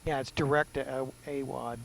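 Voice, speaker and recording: A man's voice: medium pitch, steady tone, normal speed, gravelly, slight background noise. A man giving casual, self-deprecating commentary, muttering to himself as he sets up a simulated flight. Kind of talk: casual commentary while doing cockpit setup.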